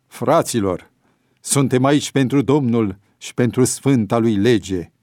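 Bold prison priest, played by a man, preachy and loud, close dry sound. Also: medium pitch, dry recording, lightly acted. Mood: commanding. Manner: forceful, preaching, declaiming. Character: tall bearded priest, bold and commanding.

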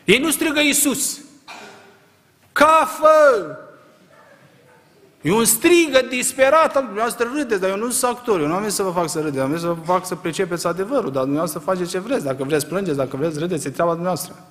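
Emphatic preacher in a long-echoing hall. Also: male voice, high-pitched, hardly any pauses. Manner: emphatic, rhetorical questions, swings from quiet to loud. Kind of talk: sermon.

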